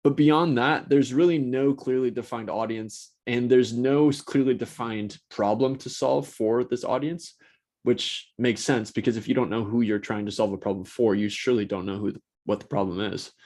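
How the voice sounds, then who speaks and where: A man's voice: mid-range voice, steady tone, normal speed, a little mellow. A man hosting a casual solo talk, blunt and profane, rambling and restarting his sentences. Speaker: host.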